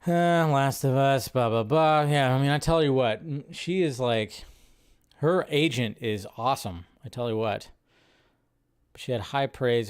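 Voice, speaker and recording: Hosting a laid-back live show about movie news, this man speaks on the high side with a clean tone. His commentary rambles along in an animated way, peppered with exasperated remarks.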